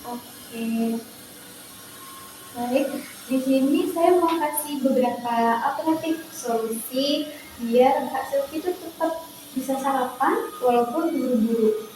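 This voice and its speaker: High-voiced young woman in echoey room. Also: slow pace, warm tone. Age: young adult. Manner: polite, questioning, summarizing. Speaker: nutrition counselor student. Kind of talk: counseling interview. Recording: very echoey room with faint noise.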